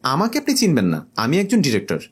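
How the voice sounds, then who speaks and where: Man voicing friendly director guy, polite, chummy, husky, lively pitch. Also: fast, exaggerated voice. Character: friendly male drama director, smooth talker.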